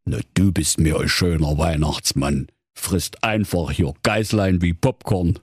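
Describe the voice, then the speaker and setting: Man doing a husky dopey bear sidekick, fumbling and blustery, lively delivery, spoof fairy tale. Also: on the low side, unhurried, dry recording, studio quality. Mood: grumbling. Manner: fumbling, sheepish excuses, sometimes blustering. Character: dim-witted, clumsy male bear sidekick. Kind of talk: comic fairy-tale parody.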